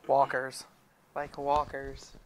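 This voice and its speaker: Flat-voiced eighteen-year-old guy. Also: medium pitch, slow, a little hiss or hum. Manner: flat, casual, with frequent "like". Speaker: college student interviewee. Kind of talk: casual interview answers.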